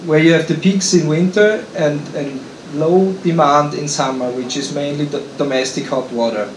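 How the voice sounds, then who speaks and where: A man's voice: fairly high pitch, fairly even intonation, slight background noise. Austrian-accented man presenting in an echoey hall. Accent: Austrian German. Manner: halting, frequent restarts and fillers. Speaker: conference presenter, engineer. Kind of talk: conference presentation. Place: conference hall.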